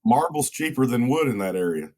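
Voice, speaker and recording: A man answering as a guest in an interview. He explains things at a steady, measured pace. He keeps a plain, even conversational tone. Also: medium pitch. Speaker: firearms engineer guest.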